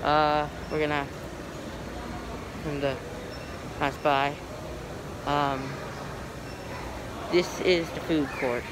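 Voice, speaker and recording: Pausing often and drawing out his words, a man with a high-leaning, level voice narrates for viewers as he films elevators on a handheld phone inside a shopping mall. He's hesitant and full of ums, and the noisy mall surroundings come through clearly.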